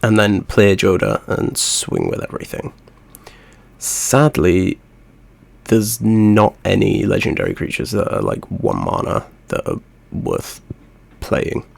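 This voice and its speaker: A man with a nasal, stuffed-up voice from a cold, hosting a relaxed gaming video with easygoing, rambling chatter. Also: on the low side, takes it slowly, creaky, no room sound. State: congested, stuffy nose from a cold. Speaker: host. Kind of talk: casual gaming commentary.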